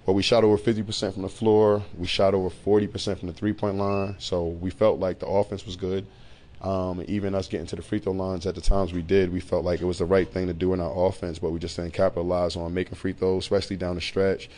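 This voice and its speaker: Male head coach, deep and flat, blunt postgame talk with faint background hum. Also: fast talker. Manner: blunt, matter-of-fact. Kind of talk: postgame interview.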